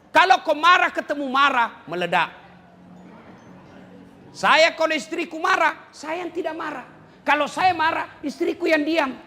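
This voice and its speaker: Male preacher, Makassar Indonesian accent, comic sermon delivery, high and bright, echoing hall. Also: slight background noise. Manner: jokey, shifts between low asides and loud exclamations. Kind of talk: humorous sermon. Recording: hall reverb, faint ambience.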